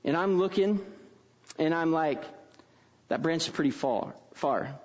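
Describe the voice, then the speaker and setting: High-pitched guy giving a chatty sermon, keeps asking right?, kinda dull lo-fi audio. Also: lively intonation, measured pace. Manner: casual, frequent tag questions. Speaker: pastor. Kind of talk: conversational sermon with storytelling.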